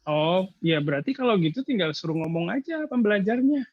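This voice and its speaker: A male lecturer giving casual thesis advice in an online seminar, explaining patiently with many hesitant filler pauses. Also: high voice, lively intonation, dry recording, highs cut off. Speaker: university lecturer.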